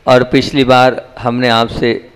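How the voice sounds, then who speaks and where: A man's voice: little pitch movement, takes it slowly, clean tone. Resonant male monk preaching. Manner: asks the audience questions and answers them himself; acts out dialogue in a story with shifting pitch. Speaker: Jain monk giving a discourse. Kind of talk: sermon.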